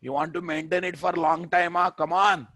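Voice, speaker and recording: A man's voice: a little high, steady tone, moderate pace, sharp tone, no echo, studio quality. A man with a Telugu Indian accent lecturing as a programming instructor, repeating phrases for emphasis and prompting his listeners with questions. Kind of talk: classroom lecture with rhetorical questions.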